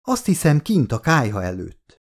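A man's voice: mid-range voice, wildly swooping pitch, pitched above the performer's own voice. A male audiobook reader voicing a playful young woman who coaxes and pleads in a girlish, sulky way. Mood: coaxing. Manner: pleading, childlike coaxing. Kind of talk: audiobook character voice.

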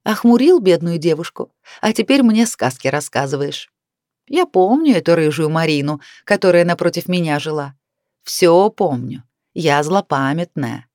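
A woman's voice: fairly low pitch, animated, moderate pace, darkish tone, no room sound, studio quality, lightly acted. A woman reading aloud, voicing a touchy, nervous middle-aged wife with a wry, defensive way of speaking. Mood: prickly.

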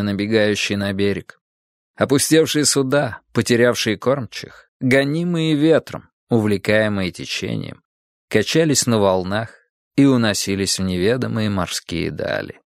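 A man narrating a history audiobook in a measured, dramatic storytelling manner. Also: fairly low pitch, no echo, clean studio sound.

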